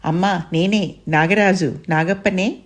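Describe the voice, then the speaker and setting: A woman's voice: lowish voice, steady tone, unhurried, lightly acted. A woman voicing an anxious, emotional young village man with a Rayalaseema accent, asking eager, urgent questions. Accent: Rayalaseema Telugu.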